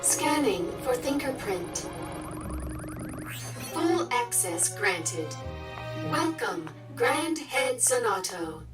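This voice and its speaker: A woman voicing a female security scanner machine that announces access slowly and flatly, heard over a building speaker. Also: a little high, full character voice. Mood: announcing. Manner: slow, flat announcing tone. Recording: distant speaker over loud game music.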